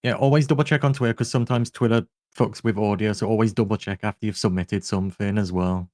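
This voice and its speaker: A man's voice: lowish voice, fairly even intonation, fast talker, darkish tone, no echo, clean studio sound. A man judging a voice acting contest, laid-back and casually swearing. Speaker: judge. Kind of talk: casual livestream chat.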